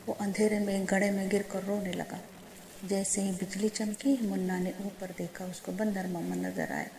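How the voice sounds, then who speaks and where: A woman narrating a children's story slowly and gently, speaking to the children. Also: mid-range voice, little pitch movement, vocal fry, a little hiss or hum. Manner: slow, gentle, addressing children.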